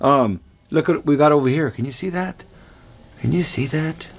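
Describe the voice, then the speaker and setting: A man's voice: on the high side, normal speed. A man, casually demonstrating engine balancing in a workshop in a playful, chatty way. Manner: chatty, playful, talks to viewers as y'all. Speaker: machinist teaching engine balancing. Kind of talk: casual hands-on shop demonstration.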